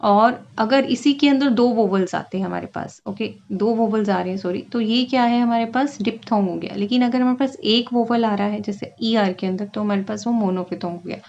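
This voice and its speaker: A woman with a mid-range, creaky, slightly mellow voice, recorded in lo-fi sound, teaches exam-prep lessons. She explains terms and past questions, often checking in with "ठीक है?" and drawing out her reading of English questions.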